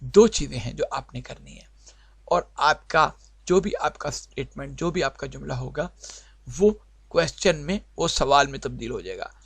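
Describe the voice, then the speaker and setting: A man's voice: mid-range voice, expressive, moderate pace, vocal fry, slightly rough, no room sound. A man teaching a spoken English lesson, explaining patiently and answering his own questions. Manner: explains patiently, repeating points and asking himself questions.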